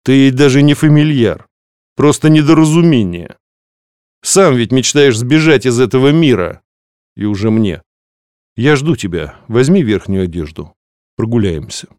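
Man doing a snow demon rector, low, coaxing, commanding, dry close sound. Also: big pitch swings, normal speed, no room sound. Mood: imperious. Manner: soft, coaxing, imperious. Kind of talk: audiobook reading.

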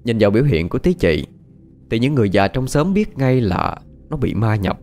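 A man narrating a ghost story in a dramatic, expressive way. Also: medium pitch, brisk.

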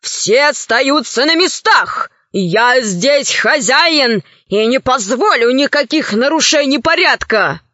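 A woman voicing a sly, bossy male space pirate rat who gives sharp orders, in a storybook reading. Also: sits high, expressive, slow, few pauses, dry recording, full character voice. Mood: commanding. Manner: commanding, clipped orders. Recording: slightly dull, dry recording.

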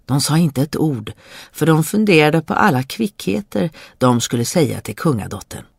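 A storyteller reading a fairy tale aloud in a lively, expressive way. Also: medium pitch, vocal fry, husky, dry recording, studio quality.

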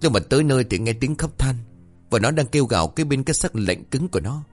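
A man voicing an anxious young male servant who speaks to his master in a deferential, hurried way. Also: medium pitch, lively intonation, soft background music, voice pushed up, natural voice.

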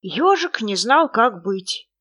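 Woman, storyteller, storybook narration, expressive, lively, bright, animated. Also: a little high, moderate pace.

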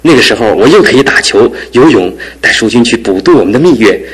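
In a radio drama, an actor plays a young husband and son recovering from an injury, speaking earnestly and gratefully to his mother. His mid-range voice is husky, animated and fast, and the audio quality is poor.

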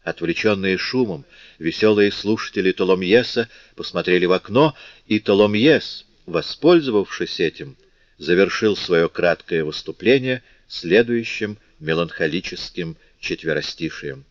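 A very deep-voiced man narrates a classic novel, measured and expressive in his storytelling. The recording is dry and somewhat dull, lo-fi, with no room echo. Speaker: audiobook narrator.

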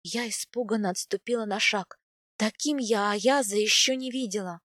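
A woman reading a first-person audiobook with expressive, emotional storytelling. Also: medium pitch, normal speed, no room sound, clean studio sound. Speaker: audiobook narrator.

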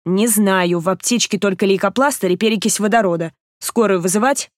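Woman as the male hero, calm, curt, plain; audiobook. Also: mid-range voice, brisk, no echo, clean studio sound, close to an everyday voice. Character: protective young man, the first-person hero.

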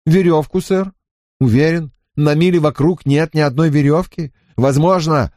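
A man's voice: on the high side, normal speed, a little mellow, no room sound, clean studio sound, voice pushed up, natural voice. A man voicing a deferential, hesitant male servant speaking cautiously. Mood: uneasy polite.

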